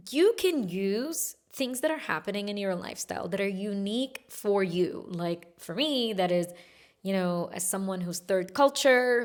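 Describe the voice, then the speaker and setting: A woman hosting her own solo podcast, talking quickly and chattily to her listeners. She leans on words for emphasis, and her pitch sits in the middle range for a woman. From Egypt, raised in Kuwait. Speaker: podcast host.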